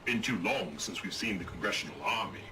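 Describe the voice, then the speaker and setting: An actor playing a pompous, old-fashioned robot naval captain in a video game, with theatrical gentlemanly diction. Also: male voice, lowish voice, a little fast, noisy background, natural voice. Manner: grandiose, lively commanding delivery. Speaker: ship's captain.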